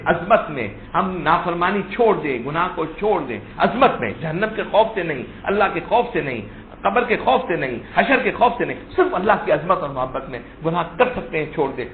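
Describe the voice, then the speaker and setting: A man's voice: a little high, roomy sound, narrow, tinny audio, a little hiss or hum. A man giving a religious sermon in a storytelling way, repeating key words and rising for emphasis. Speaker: Sufi preacher.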